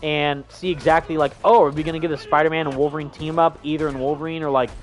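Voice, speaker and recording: A man's voice: fairly high pitch, level tone, fast, faint music behind. A young man hosting a gaming livestream, chatting casually and reading viewer comments in an enthusiastic, rambling way full of fillers. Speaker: livestream host.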